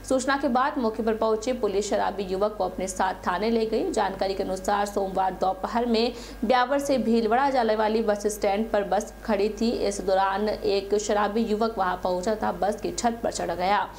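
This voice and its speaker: A woman's voice: medium pitch, a little mellow, slight background noise. A young adult woman working as a news anchor, reading scripted news narration.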